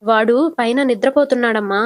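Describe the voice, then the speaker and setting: A cowardly grown son whines and wheedles, voiced by a woman retelling a soap. The voice sits a little high and dry, drawn out slowly. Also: no room sound, lightly acted. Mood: whiny.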